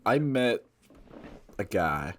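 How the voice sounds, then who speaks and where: A man's voice: fairly low pitch, sing-song, extremely slow. A young man chatting casually in a laid-back way, swearing now and then. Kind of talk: casual chat.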